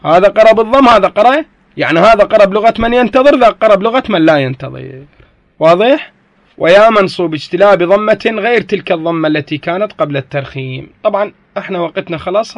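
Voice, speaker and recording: A man's voice: sits high, animated, quick pace, dry recording. A man with an Iraqi Arabic accent teaching a grammar lesson, explaining step by step and often asking whether his students follow.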